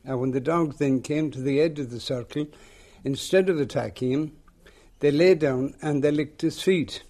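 An elderly man with a rural western Irish accent tells a tale aloud in a lilting, unhurried storyteller's way. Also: on the high side, darkish tone. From rural west of Ireland. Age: older, seventies or above. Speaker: local folklore teller. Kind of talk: oral storytelling in an interview.

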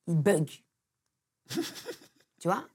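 A woman's voice: fairly low pitch, very slow, husky. A woman from Belgium, a comedian, telling an anecdote as a podcast guest, acting out the people she quotes and often laughing. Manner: lively storyteller, acts out quotes, laughs often.

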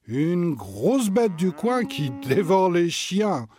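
A man voicing a relaxed farmer uncle with an easygoing, teasing manner. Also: on the high side, unhurried, faint music behind.

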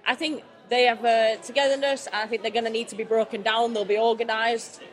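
A woman's voice: a little high, flat delivery, a little fast. A woman pundit on a sports podcast, talking casually and giving firm opinions. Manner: confident, gives firm opinions. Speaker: pundit guest.

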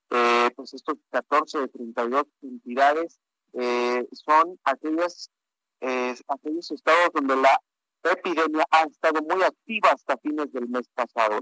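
A man's voice: mid-range voice, pushed and bright, dry recording. Male reporter on a choppy, dropping phone line. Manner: hesitant, halting delivery with fillers. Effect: phone call breaking up and cutting out. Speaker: field reporter. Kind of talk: live news report by phone.

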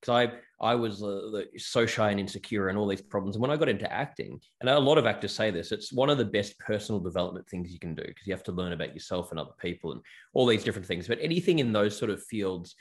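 A man's voice: lowish voice, animated, quick pace. A man hosting an interview, who talks in a rambling, hesitant way with many restarts. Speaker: podcast host and actor. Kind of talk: casual interview.

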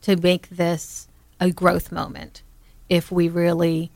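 A woman co-hosting a podcast, talking in a thoughtful, halting casual way. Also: fairly low pitch, level tone, gravelly, darkish tone, no echo. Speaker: podcast co-host. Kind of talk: casual chat.

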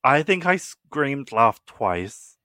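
A man's voice: mid-range voice, very animated, extremely slow, sharp tone, no room sound. A young man, co-hosting a podcast and gushing in casual, filler-heavy chat. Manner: gushing, chatty, lots of fillers. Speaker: podcast co-host.

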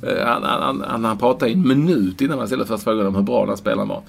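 A man in casual sports chat, rambling with restarts and playful mock shouts. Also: fairly low pitch, vocal fry, slight background noise. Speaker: podcast co-host.

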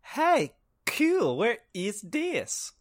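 Whimpering emo boy, squeaky high and swooping, unhurried, as a man puts him on. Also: huge pitch swings, full character voice. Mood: whiny. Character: whiny emo young man, whimpering and dramatic.

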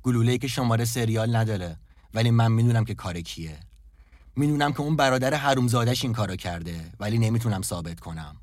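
Guy doing a dark broody grieving man, low steady confession, dry close sound. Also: no room sound, natural voice. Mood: somber. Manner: low, somber, confessional monologue. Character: brooding grieving man obsessed with lost love. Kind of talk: audio drama reading.

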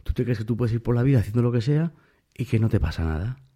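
Casting: man, dark husky voice, emphatic casual storyteller. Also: medium pitch, expressive, quick pace. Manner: emphatic, addresses the listener directly.

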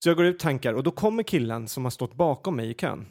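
Creaky-voiced man telling a story. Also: mid-range voice. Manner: animated, many fillers and restarts. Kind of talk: casual storytelling.

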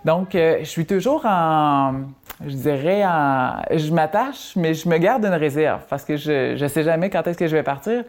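A woman's voice: low-pitched, expressive, unhurried, a little mellow. Restless Quebec French woman. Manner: restless, repeats herself. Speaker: guest. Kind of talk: interview testimony.

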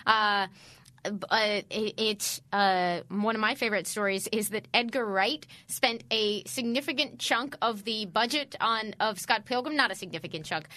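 Woman, podcast co-host, casual chat, excitable, rambling, bright voice, dry close mic. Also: on the high side, no room sound. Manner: excitable, rambling tangents, quick laughs.

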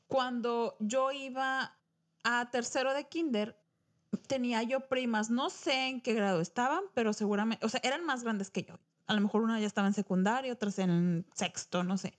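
A young woman with a Mexican Spanish accent, co-hosting a podcast and telling a childhood story in a casual, animated way. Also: a little high, normal speed. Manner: animated, acts out quoted voices. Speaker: podcast co-host.

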